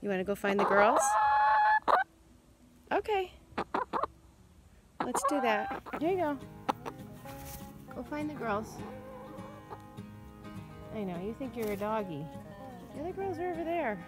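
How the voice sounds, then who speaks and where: A middle-aged woman, a backyard chicken keeper and vlogger, chats casually to her pets in short, coaxing phrases, mostly outdoors in a garden and around a coop. Her voice is a little high with big pitch swings, a little slow, with long pauses, and loud music plays over it. She records on a handheld phone.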